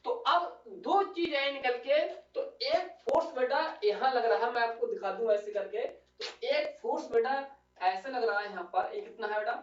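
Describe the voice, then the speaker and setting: A man's voice: extremely high pitch, moderate pace. A man teaches physics at a board, talking his students through each step and checking they follow. He sounds set back from the microphone in an echoey room, and the recording is dull and lo-fi. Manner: coaxing, calls students "beta" and keeps asking "clear?". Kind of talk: classroom lecture. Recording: echoey room, distant lo-fi mic.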